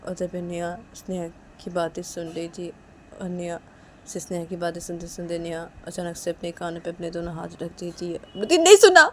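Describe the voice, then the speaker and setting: A woman's voice: fairly low pitch, completely flat delivery, a little fast, mellow, a little hiss or hum. A woman narrating a romantic story in a plain, repetitive, casual way.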